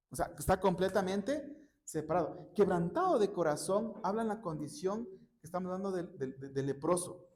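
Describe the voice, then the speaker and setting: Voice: medium pitch, darkish tone. A preacher speaks in a church in a mid-range voice, teaching in a conversational sermon style. The delivery keeps turning to the listeners with rhetorical check-in questions. Personal anecdotes from workshops are woven into the teaching.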